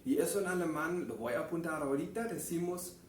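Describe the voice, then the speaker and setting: A man teaching a German class, saying example phrases slowly and clearly for students to repeat. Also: a little high, recorded from a distance, a little hiss or hum. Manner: slow, deliberate enunciation of example phrases. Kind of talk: classroom lesson, drilling phrases aloud. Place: classroom with a whiteboard. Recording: echoey room, voice off-mic.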